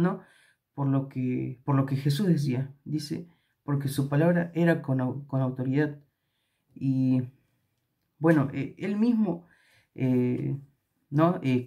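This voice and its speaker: A man with an Argentine accent reads scripture and comments at a church Bible study. His voice sits slightly high but sounds dark and mellow. He speaks haltingly, with frequent fillers and restarts. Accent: Argentine Spanish. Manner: hesitant, many fillers and restarts.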